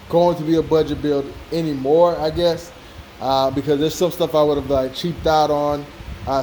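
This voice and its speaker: A man's voice: a little high, mellow, rough recording. An American man hosting a car-build vlog in an informal, conversational way, often checking in with the listener. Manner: informal, repeats "you know what I'm saying". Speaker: car-build channel host. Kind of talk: casual vlog walkaround. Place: hot car workshop with fan running. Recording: clear fan noise behind the voice.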